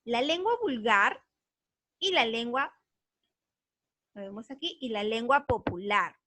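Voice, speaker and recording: Bright woman teaching grammar. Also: fairly high pitch, expressive, a little slow, no echo. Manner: earnest, explains patiently, checks understanding with frequent tag questions. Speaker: language teacher. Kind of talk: recorded online grammar lesson.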